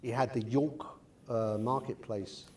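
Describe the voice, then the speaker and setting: A man's voice: mid-range voice, fairly even intonation, unhurried. A man hosting an interview, chatty and joking, asking his guest about his family and upbringing. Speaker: host. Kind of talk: casual interview.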